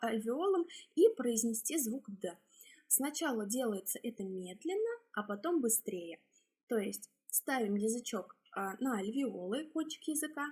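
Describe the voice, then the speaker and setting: Step by step and somewhat haltingly, a woman speech therapist explains exercises in an instructional manner, using a slightly husky voice that is a little high with a darkish tone.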